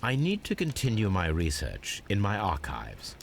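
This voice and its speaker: A man voicing a reserved, methodical middle-aged detective in a video game, reasoning out clues in a measured, deliberate way. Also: on the low side, wildly swooping pitch, vocal fry, full character voice. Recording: game audio with noisy ambience behind.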